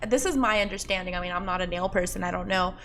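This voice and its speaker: A young woman co-hosting a casual podcast, explaining things in a relaxed, hedging way. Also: fairly low pitch, fast talker, slight background noise. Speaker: podcast co-host. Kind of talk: casual chat.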